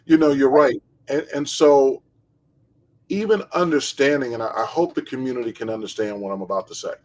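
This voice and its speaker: A man hosting an interview and asking questions in a measured, reflective way; he also trains basketball players. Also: medium pitch, poor audio. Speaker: show host, basketball trainer. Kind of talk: casual interview talk.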